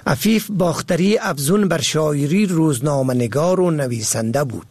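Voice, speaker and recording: A man's voice: a little high, a little mellow, dry recording. A man giving formal documentary narration in an informative tone.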